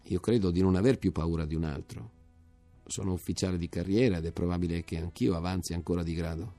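Brief: a man playing a nervous fiftyish army major in an audiobook, dark and gravelly, pitched low. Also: fast talker, soft background music. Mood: confiding. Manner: fretful questions, later earnest confiding.

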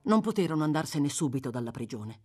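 Woman audiobook narrator, lively dramatic reading of a classic novel. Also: low-pitched, quick pace, slightly rough.

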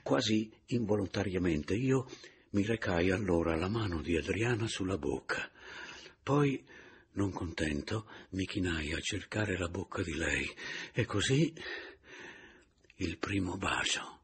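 A man reading a novel aloud in a measured, reflective way. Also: low-pitched, animated, slightly rough. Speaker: narrator.

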